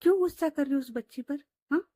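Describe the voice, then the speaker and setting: A woman voicing a gentle, caring middle-aged mother who soothes her daughter. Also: high-pitched, fast talker, no echo, studio quality, pitched above the performer's own voice, lightly acted. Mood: motherly.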